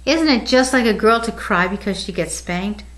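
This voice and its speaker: A woman's voice: mid-range voice, animated, moderate pace, fairly bright tone, natural voice, poor audio. A woman voicing a bold, mischievous little male teddy bear who talks brashly and impatiently.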